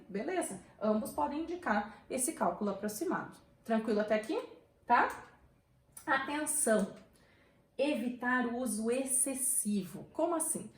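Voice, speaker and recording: A woman's voice: medium pitch, echoey room, rough recording. A woman with a Brazilian Portuguese accent who teaches a grammar lesson in a chatty way and keeps checking in with her students. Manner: chatty, checks in often with tag questions.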